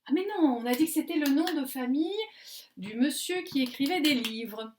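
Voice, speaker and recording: A woman teaching a class of little children from a recording, her voice pitched a touch high and full of sing-song coaxing. She sounds letters out one by one, drawing the children along with lively, patient encouragement. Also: moderate pace, a little hiss or hum. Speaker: kindergarten teacher. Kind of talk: remote class video lesson for young children.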